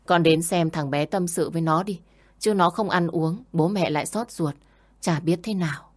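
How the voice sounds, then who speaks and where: A woman's voice: on the low side, normal speed, darkish tone, close to an everyday voice. A woman voicing a fretful grandmother. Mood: worried. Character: worried grandmother.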